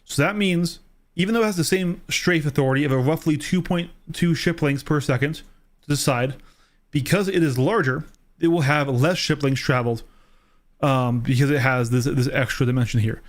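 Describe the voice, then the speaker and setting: A man's voice: a little high, normal speed. A man streaming a game, explaining things step by step in a casual way and often checking in with "right?" and "okay?".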